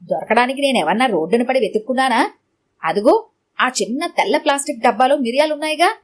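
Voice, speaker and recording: A woman voicing a sharp-tongued old grandmother. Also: high voice, lively intonation, fast talker. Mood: indignant. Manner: blunt, mocking.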